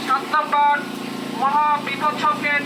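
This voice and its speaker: Far-off announcer calling through a megaphone. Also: high voice. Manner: slow, drawn-out, monotone calling. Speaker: public announcer. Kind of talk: official public warning announcement. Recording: echoey loudspeaker from far off outdoors over loud noise.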